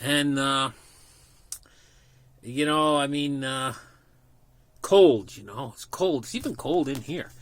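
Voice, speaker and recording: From inside a small camper trailer, a man vlogger gives a casual, unscripted product unboxing walkthrough. His mid-range voice moves at a slow pace with frequent pauses, and he talks in a folksy way, often restating his points.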